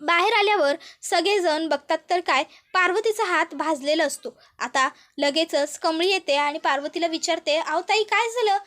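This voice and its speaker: A woman storyteller recounting a serial episode scene by scene. Her voice is high and her narration chatty and detailed. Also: moderate pace, a bit bright.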